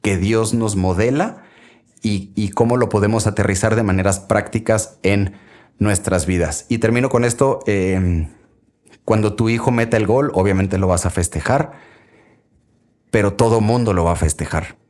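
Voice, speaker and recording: A man's voice: lowish voice, moderate pace, darkish tone. A man with a Mexican Spanish accent gives faith-based parenting advice on a podcast, speaking earnestly and conversationally and sometimes acting out quoted lines. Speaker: podcast host, father giving parenting advice.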